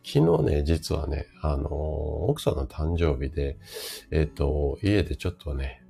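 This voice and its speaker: A man in his fifties with a rough, hoarse voice, chatting casually as host of a live stream and explaining things to his listeners. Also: a bass voice, expressive, a little slow, mellow, soft background music. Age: 50s. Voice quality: gravelly, rough voice from drinking the night before.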